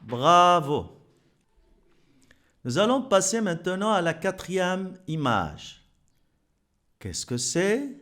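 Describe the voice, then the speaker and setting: A man's voice: high voice, very animated, slow, long pauses, fairly bright tone. A man teaching French to young children, patiently repeating words and clapping out their syllables. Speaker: primary school French teacher.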